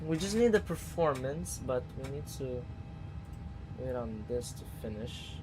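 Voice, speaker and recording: A man's voice: mid-range voice, lively intonation, unhurried, very noisy. A man streaming a flight simulator, casually thinking aloud and muttering to himself as he works through procedures.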